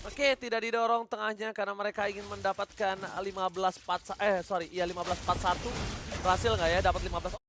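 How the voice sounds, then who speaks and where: A man's voice: high voice, level tone, quick pace, music in the background. A man with an Indonesian accent doing live play-by-play of an esports match as a hyped fighting game announcer.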